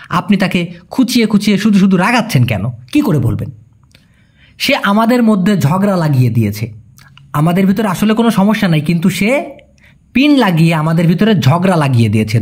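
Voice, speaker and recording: A man teaching phrases to viewers, slowing right down to spell out each foreign phrase word by word. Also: high-pitched, darkish tone, slightly rough. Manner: repeats each sentence and breaks it word by word. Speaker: language teacher.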